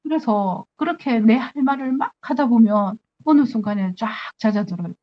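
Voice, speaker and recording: Earnest nun giving a spiritual talk. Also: female voice, fairly high pitch, normal speed, lo-fi sound. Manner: earnest, acts out her own prayers to God.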